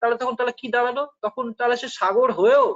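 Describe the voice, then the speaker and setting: A man with a Bengali accent explains spiritual philosophy in a patient, questioning way. His voice sits very high. The recording is dull and lo-fi. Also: steady tone, quick pace, a bit bright. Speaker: spiritual teacher. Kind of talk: philosophical discussion.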